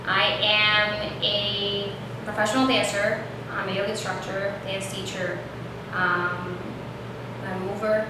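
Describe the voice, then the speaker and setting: A woman from El Salvador who talks things through slowly and thoughtfully, often pausing to find the right word. She sits well back from the microphone in a very echoey room. A steady noise hum runs behind her. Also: medium pitch. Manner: thoughtful, pauses to find words. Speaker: yoga instructor and dancer, guest. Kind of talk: casual conversation. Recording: echoey room, distant mic, noisy.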